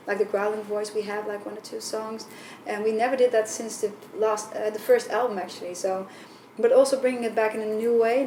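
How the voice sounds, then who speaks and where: A Dutch band vocalist from the Netherlands gives casual interview answers loosely, with many fillers and restarts. Her light voice is medium in pitch with a darkish tone, recorded roomy and far from the mic with faint noise.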